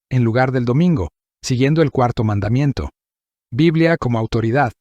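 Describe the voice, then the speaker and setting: A man giving a scripted narration, reading through points in a measured, list-like way. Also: mid-range voice, a little mellow, dry recording, clean studio sound.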